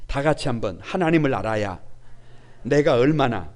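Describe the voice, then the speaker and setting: A male pastor preaching a sermon with passion, firing off rhetorical questions and swinging between hushed and loud delivery. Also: mid-range voice, expressive, normal speed.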